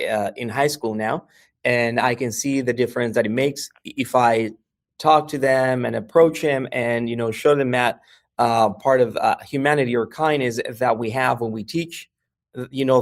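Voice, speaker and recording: A man with a mid-range voice, fairly even intonation, and normal speed speaks with a Mexican American accent. He's a language educator from New York, casually answering interview questions and checking in with "right?" often, with "uh" fillers and restarts.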